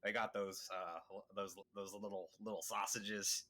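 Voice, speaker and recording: A man's voice: on the low side, little pitch movement, moderate pace, bright, forceful tone. A man playing a tabletop game, joking and planning casually with the group. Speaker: player.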